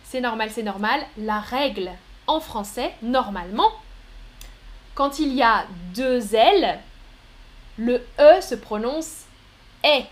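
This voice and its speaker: Slow, careful woman teaching pronunciation. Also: a little high, lively intonation. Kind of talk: live-streamed language lesson.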